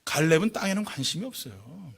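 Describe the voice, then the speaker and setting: A male pastor preaching a lively, joking sermon in church, often calling out questions to the congregation. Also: on the high side, quick pace, creaky, breathy edge. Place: church sanctuary.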